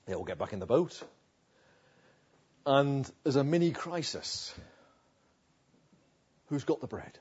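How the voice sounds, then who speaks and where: A man's voice: medium pitch, big pitch swings, takes it slowly, long pauses, breathy edge. A man preaching an expository sermon, telling the story dramatically and voicing the people in it. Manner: dramatic storytelling, voicing quoted figures, swings from loud emphasis to soft asides. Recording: dull lo-fi recording.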